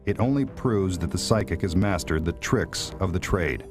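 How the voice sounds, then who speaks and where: A man with a very deep voice delivers scripted investigative narration. He is a documentary narrator, and music plays clearly underneath his voice-over. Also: animated, moderate pace.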